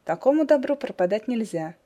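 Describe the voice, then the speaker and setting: A woman's voice: a little high, animated, a little fast, mellow. A woman voicing a dry, good-humoured young man. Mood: wry. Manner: dry, wry.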